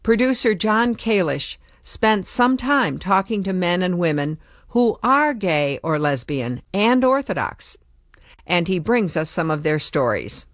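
A woman producer giving measured, scripted narration for a public radio feature. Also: lowish voice, very animated, dry recording, clean studio sound.

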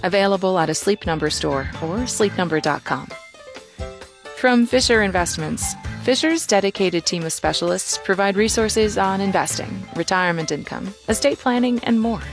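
A woman announcer giving a scripted sponsorship read in a smooth, even manner. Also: mid-range voice, normal speed. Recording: music bed under voice. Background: music.

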